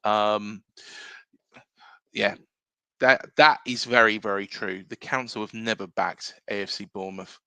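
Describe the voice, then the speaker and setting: A chatty English man hosting a fan-run football show, talking in a lowish voice. He rambles with plenty of "um"s and "you know"s. The sound is dry and close, with no room around it. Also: fairly even intonation, measured pace, long pauses, bright, forceful tone, clear, resonant tone, no echo. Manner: chatty, rambling, many fillers, reads viewer comments. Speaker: football podcast host. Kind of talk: casual livestream chat.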